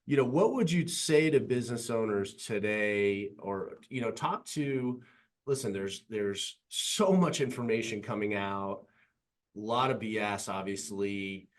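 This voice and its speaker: A man's voice: fairly low pitch, measured pace. A man with a Californian accent, hosting a podcast in a casual, enthusiastic, rambling way. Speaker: podcast host. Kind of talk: casual interview talk.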